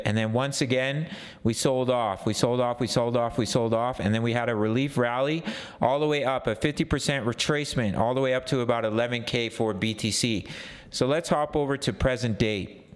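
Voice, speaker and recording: A man's voice: medium pitch, normal speed, clean tone. A man with a sore throat giving casual market chart commentary as a channel host, often repeating phrases for emphasis. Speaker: host of a crypto trading channel.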